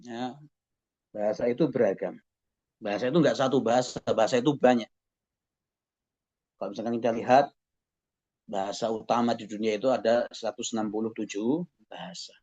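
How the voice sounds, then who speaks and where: A man's voice: medium pitch, steady tone, a little fast, pauses often, a little mellow. A man giving a university lecture, explaining step by step and often tagging his points with a questioning "ya" and rhetorical questions. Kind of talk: classroom lecture. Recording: dull lo-fi recording.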